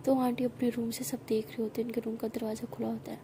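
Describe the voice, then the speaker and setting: High-voiced woman, whispered storytelling. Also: little pitch movement, fast. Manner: soft murmured narration. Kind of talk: whispered role-play. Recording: noisy recording.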